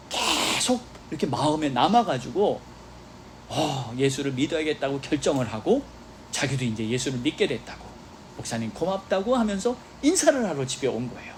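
Lively Korean pastor preaching a sermon. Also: male voice, fairly high pitch, a little hiss or hum. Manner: animated storytelling preacher with exclamations and quoted dialogue. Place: church sanctuary.

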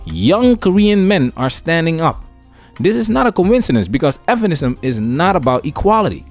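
Guy hosting news commentary, highish voice, really animated, music under him. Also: normal speed. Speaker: host of a commentary channel.

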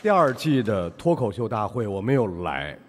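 A man's voice: on the low side, very animated, moderate pace, big-room sound, slight background noise. A middle-aged man hosting a comedy roast with mock-exasperated, emphatic banter and audience laughter. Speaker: roast show host. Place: large studio theatre stage with audience. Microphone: podium microphone.

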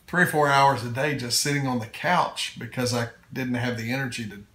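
A man's voice: mid-range voice, fairly even intonation, fairly quick, sharp tone, roomy sound. An American man in his fifties, seated in a small office and giving an earnest, matter-of-fact interview testimonial. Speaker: testimonial guest. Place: small office room indoors.

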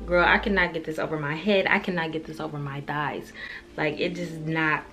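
In a carpeted bedroom with music in the background, a young adult woman vlogs her fashion try-on. Her voice is low-pitched and a little bright, her tone steady and her pace moderate, and she talks candidly and casually, dropping slang and swear words.

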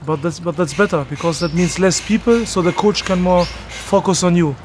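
A man in his thirties speaks in an energetic, emphatic way, his voice sitting fairly high for a man. He hosts a relaxed interview and gym review. Faint open-air noise sits behind him. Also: moderate pace. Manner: energetic, emphatic, animated with hand gestures. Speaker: host. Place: open-air boxing gym, then outdoor garden.

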